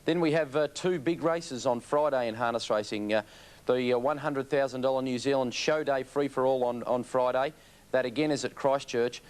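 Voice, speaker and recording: A man's voice: mid-range voice, steady tone, moderate pace, clear, resonant tone. An Australian man giving race analysis as a harness racing pundit on television.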